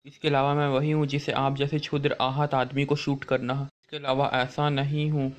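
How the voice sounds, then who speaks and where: A man's voice: mid-range voice, flat delivery, moderate pace, lightly acted. A man reading the lines of a stubborn young woman in his own voice, with no acting. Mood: defiant.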